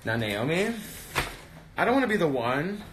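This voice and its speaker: In a sing-song, fairly high voice at a moderate pace, a young sassy drag queen keeps up casual, playful banter on a livestream. The setting is indoors: a backstage hallway, an elevator and a dressing room, filmed on a phone held in hand or propped up. Echo and noise fill the stream.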